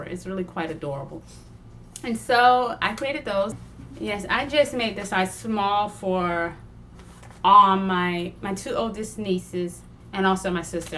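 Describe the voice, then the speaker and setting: A young woman chatting casually about her sewing projects, digressive and quick to laugh. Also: lowish voice, fairly bright tone, a little hiss or hum. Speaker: sewing vlogger. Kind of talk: casual chat.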